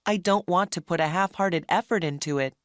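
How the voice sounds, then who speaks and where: A woman's voice: fairly low pitch, a little fast, no echo, clean studio sound, close to an everyday voice. A young woman playing a polite, earnest university student in a stilted, scripted textbook dialogue. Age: young adult.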